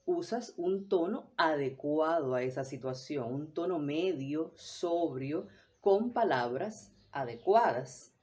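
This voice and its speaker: A woman teaching a voice workshop in a measured, deliberate way, now and then acting out short examples. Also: low voice, lively intonation, warm tone. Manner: measured, deliberate delivery with brief acted examples. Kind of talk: scripted instructional talk.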